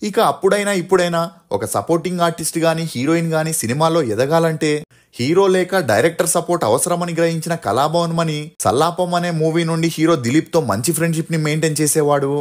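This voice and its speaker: Fast-talking man narrating a dramatic story. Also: fairly high pitch. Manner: brisk, dramatic questions to hook the viewer. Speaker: narrator of a true-story video channel.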